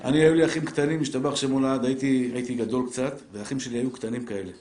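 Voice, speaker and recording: A middle-aged man, a rabbi, giving a live Torah lesson to a seated audience, talking straight to them with lively rhetorical questions. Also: medium pitch. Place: lecture room with a seated audience. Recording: roomy echoing room.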